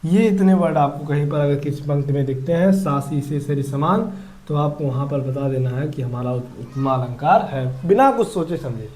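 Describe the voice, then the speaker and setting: A male teacher explaining a grammar lesson, repeating key words slowly and asking the class questions. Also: on the high side, a little mellow. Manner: repetitive, drills words slowly.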